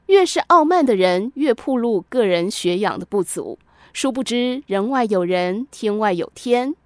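A woman narrating a moral story in a measured, scripted storytelling style. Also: a little high, animated, a little mellow, no room sound.

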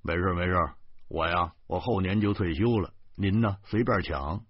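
A man's voice: low voice, moderate pace, slightly rough, no room sound, lo-fi sound. A man voicing an easygoing older male beat cop, near retirement, who jokes and chats. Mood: teasing. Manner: joking, chatty.

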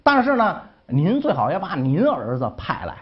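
A man's voice: fairly high pitch, huge pitch swings, moderate pace, breathy edge, muffled recording. A man telling history in a folksy, jokey way with many asides. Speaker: history storyteller. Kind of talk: casual storytelling.

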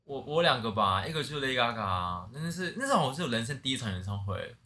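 A man with a Taiwanese Mandarin accent, co-hosting a casual podcast chat. His pitch bounces around a lot, he talks fast, and his tone is bright as he throws in wisecracks. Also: sing-song. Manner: quick wisecracks and exclamations. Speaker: podcast co-host.

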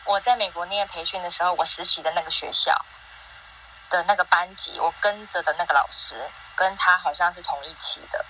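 A woman's voice: on the low side, fairly even intonation, fairly quick, pushed and bright, slight background noise, low-quality recording. A woman Montessori teacher co-hosting, chatting curiously with guests. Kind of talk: casual chat.

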